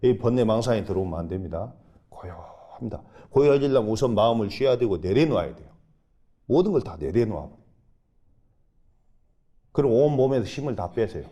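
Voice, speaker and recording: A man who is a Buddhist monk, preaching a dharma talk and guiding meditation, emphatic, with sudden rises and soft, drawn-out instructions. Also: fairly low pitch, animated. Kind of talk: sermon with guided meditation. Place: temple dharma hall.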